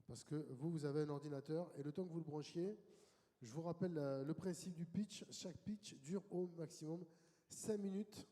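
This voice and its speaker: A man moderating a conference panel, his voice dark and low in tone though a touch higher than most. He welcomes and directs guests in a brisk, friendly way. The sound rings with long reverb from a large hall.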